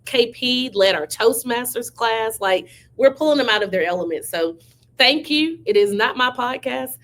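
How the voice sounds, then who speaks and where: A woman's voice: a little high, lively intonation, normal speed. A woman, a county manager who is under the weather, giving effusive casual praise to her team. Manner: warm, effusive praise with frequent "y'all".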